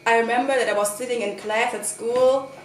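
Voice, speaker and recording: A woman's voice: on the high side, fairly even intonation, brisk, a little hiss or hum. A woman in her twenties with a German accent, recalling a memory in English in simple, earnest words. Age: 20s. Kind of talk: personal recollection. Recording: echoey room.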